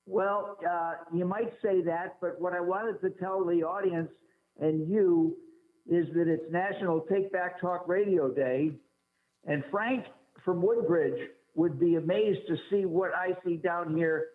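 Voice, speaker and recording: Jokey high-voiced male caller, cave echo over a tinny phone line. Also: a little slow. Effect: hollow cave-like echo on the call. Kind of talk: call-in talk radio.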